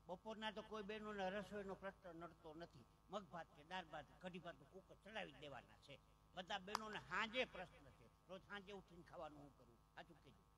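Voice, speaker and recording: A man's voice: high-pitched, a little fast, noisy background. A man with a Gujarati accent telling jokes and stories as a folk comedian on a live village stage, acting out the voices of his characters. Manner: animated joke-telling, acting out other voices. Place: outdoor village stage with a PA system.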